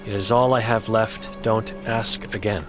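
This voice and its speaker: A man's voice: on the low side, steady tone, a little slow, music in the background, close to an everyday voice. A man voicing an old blind mute woman in a game, grim and guilt-ridden, speaking in terse, broken phrases.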